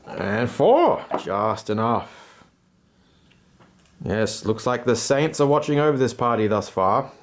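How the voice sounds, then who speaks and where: A man's voice: mid-range voice, big pitch swings, takes it slowly, a little hiss or hum. A man giving casual running commentary as he plays a tabletop game alone, with slangy, self-deprecating asides. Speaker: host and player of a solo tabletop game.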